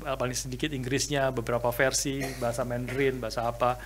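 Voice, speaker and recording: A man preaching a sermon in a church, emphatic, with frequent fillers and sudden rises in loudness. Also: mid-range voice, little pitch movement, fast talker, a little hiss or hum. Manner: emphatic preaching with many fillers and rising shouts. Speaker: pastor. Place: church sanctuary.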